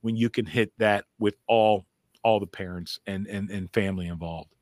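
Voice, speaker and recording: A man's voice: lowish voice, steady tone, normal speed, no room sound, clean studio sound. A man who is a comedian, talking in a casual interview in a rambling, chatty way and laughing often. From United States. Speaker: comedian guest.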